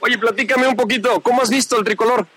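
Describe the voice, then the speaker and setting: A man conducts a street vox pop outdoors. His voice is high and bright, and he talks quickly. His questions are brisk and friendly. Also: steady tone, slightly rough, dry recording, low-quality recording. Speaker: street interviewer. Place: outdoors on a busy avenue.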